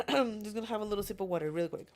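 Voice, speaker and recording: A woman's voice: medium pitch, very fast, faint music behind. Giggly young woman streaming, chatting with chat. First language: not English. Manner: giggly, chatty, reads chat messages aloud. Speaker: game streamer. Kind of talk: casual live-stream chat. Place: alone in a room.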